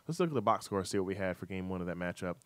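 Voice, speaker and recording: A lower-voiced man runs a sports talk radio show, reading scores and game schedules. He fills gaps with "uh" and keeps the banter light. The sound is dry and close on a studio mic. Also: lively intonation, rapid-fire, no echo. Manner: chatty, reads scores with fillers, teasing co-host.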